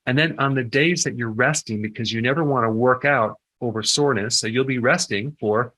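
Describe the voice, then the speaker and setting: A man's voice: medium pitch, a little fast, bright, forceful tone, low-quality recording. An older man, a health educator, giving advice in an informal talk and often stopping to ask "okay?". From United States. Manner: conversational, punctuates points with "okay?".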